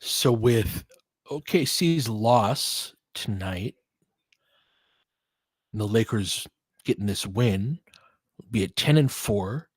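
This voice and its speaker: A relaxed young man hosts a live game watch-along stream, giving casual play-by-play and chatting conversationally with viewers, answering chat messages by name. His voice is lowish with a breathy edge, and there's no room sound.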